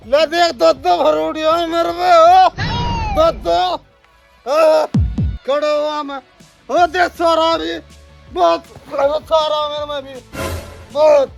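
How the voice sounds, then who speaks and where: A man's voice: extremely high pitch, gravelly, heavily acted. A man playing a belligerent drunk husband and father in a family comedy skit, rambling and repeating himself. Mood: boastful, defiant.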